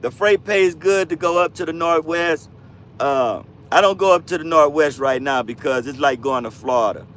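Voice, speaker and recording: Faint music plays behind a man in his fifties whose voice leans high and fairly bright at a normal speed. He's a truck driver on a relaxed livestream, responding to viewer comments with plenty of slang and addressing people as bro and fam.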